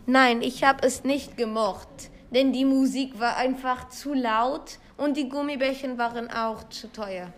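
A woman student answers in a plain, matter-of-fact way. Her voice sits fairly high. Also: fairly even intonation, measured pace, few pauses. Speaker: student interviewee.

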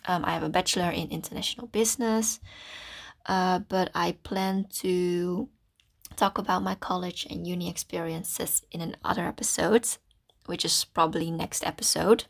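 Girl in her early 20s doing a casual podcast, lots of vocal fry, kinda awkward and rambly, phone in a closet w towel over head. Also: lowish voice, fairly even intonation, moderate pace. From Netherlands. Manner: self-conscious, rambling, self-deprecating. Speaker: podcast host. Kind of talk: casual solo podcast chat.

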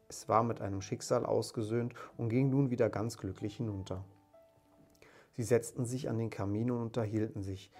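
A man narrating an audiobook of a classic tale in a calm, measured storytelling manner. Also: fairly low pitch.

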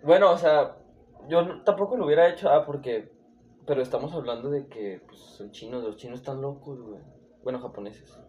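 A man's voice: mid-range voice, brisk, darkish tone, muffled recording, slight background noise. A man with a Mexican accent in casual chat, crude and joking, heavy on slang. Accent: Mexican Spanish. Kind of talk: casual chat about anime.

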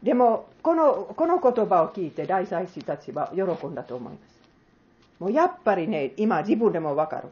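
A woman's voice: fairly low pitch, very animated, normal speed, darkish tone, dull audio. A woman preacher giving an earnest sermon that she closes with a prayer, putting questions to her listeners.

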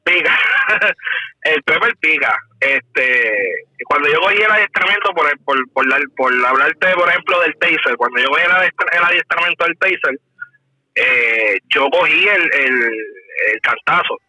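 Bright-voiced man recalling training. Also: on the high side, dry recording, poor audio. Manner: halting, repeats words while recalling. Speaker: police officer guest. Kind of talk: casual podcast conversation.

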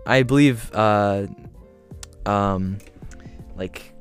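A man's voice: on the low side, drawn-out words, soft background music. A man hosting a casual chat with friends, rambling with lots of fillers and laughter, his mic clipping and distorting the whole time. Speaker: podcast host.

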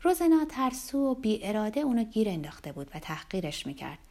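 A woman narrating a novel, her pitch moving in lively, animated swings. She reads expressively and sometimes drops to a hushed near-whisper. The pitch sits in a middle register. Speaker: audiobook narrator.

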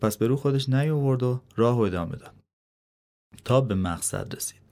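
A man narrating a motivational story in a calm, measured storytelling manner. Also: medium pitch.

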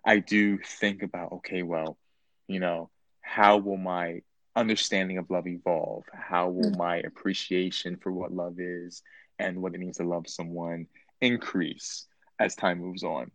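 A young man in his twenties telling a story as a podcast guest, lively and playful, his voice jumping sharply higher whenever he stresses a point. His speaking voice sits on the lower side, and the recording is close and dry. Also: unhurried, no room sound. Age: 20s. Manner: animated and playful, jumping into a high voice for emphasis. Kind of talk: casual chat.

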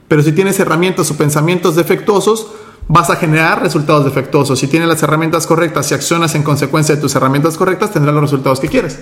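A man's voice: fairly high pitch, fairly bright tone, reverberant. A man hosting an online finance workshop, teaching with motivation and firmly running roll call. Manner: firm, direct, gives instructions.

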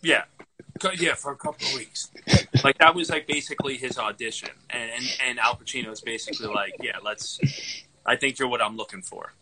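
A man's voice: medium pitch, fairly quick, pushed and bright, slight background noise, low-quality recording. A man co-hosting a podcast, chatting casually about a film, rambling with lots of fillers and laughing often, tired from lost sleep. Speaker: podcast co-host. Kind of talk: casual movie chat.

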